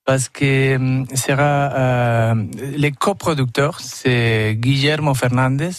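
Argentine man, halting French with foreign accent. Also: mid-range voice, fairly even intonation, smooth, no echo. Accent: Argentine Spanish accent in French. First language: Spanish. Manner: foreign accent in French, halting non-native grammar with searching hesitations. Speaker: festival artistic director, tango teacher and dancer. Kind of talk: radio interview answers.

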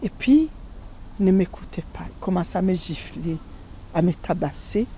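Woman from Burundi, halting emotional testimony. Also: fairly low pitch, expressive, warm tone, a little hiss or hum. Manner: halting, emotional retelling with broken restarts. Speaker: interview guest. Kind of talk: radio testimony.

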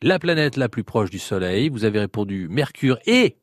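A man hosting a live radio quiz as a game show host, drawing out questions and tossing in quick asides. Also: mid-range voice, big pitch swings, no room sound, clean studio sound. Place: radio studio.

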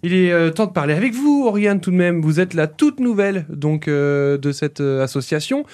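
Higher-pitched chatty male radio host. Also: animated, a little mellow. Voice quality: chatty, self-deprecating, halting with fillers. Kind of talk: radio interview.

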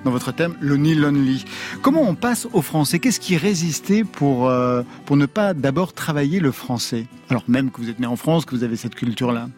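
A man's voice: mid-range voice, lively intonation, moderate pace, darkish tone. A man hosting a French music radio show, asking his guest conversational questions. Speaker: radio host. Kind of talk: radio interview.

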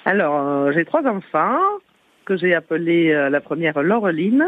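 Calling a radio program from Toulouse, this woman has a lowish, expressive voice, a moderate pace and a southern local accent. The tinny phone line sounds dry as she giggles and chats through a long explanation.

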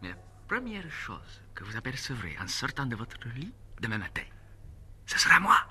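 A man's voice: mid-range voice, huge pitch swings, moderate pace, sharp tone, a little hiss or hum. An actor playing an invisible male spirit messenger, secretive and loyal, in a 1960s radio drama.

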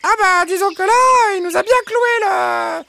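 A man's voice: very high-pitched, unhurried, vocal fry, pushed and bright, slight background noise, pitched above the performer's own voice, heavily acted. A man voicing timid, flustered hens in a storybook reading, stammering and full of fillers. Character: fussy flustered hens, small timid birds.

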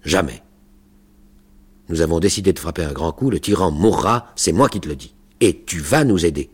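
A fierce, insistent male revolutionary plotter, put on by a man reading a novel aloud. The low, husky voice pushes hard and stays heated. It sounds like a radio reading of a storybook. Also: very animated, fast talker. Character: grim fervent male revolutionary plotter, adult.

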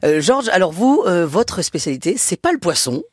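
Male radio host, animated delivery, slightly husky, dry studio sound. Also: high voice, normal speed, no echo. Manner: lively, chatty, playful teasing. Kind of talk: radio show chat.

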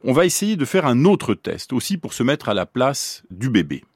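A man's voice: mid-range voice, sing-song, normal speed, husky, no room sound, studio quality. A man explaining how babies learn words in a radio science talk, posing questions to the listener as he goes. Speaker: neuroscientist explaining the brain.

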